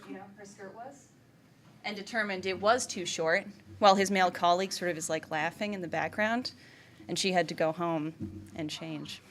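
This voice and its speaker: Presenting as an entrepreneur, a Vermont woman in her thirties talks casually, often laughing and peppering her speech with "like" and "right?" Her medium-pitched voice is fairly bright, with slight background noise.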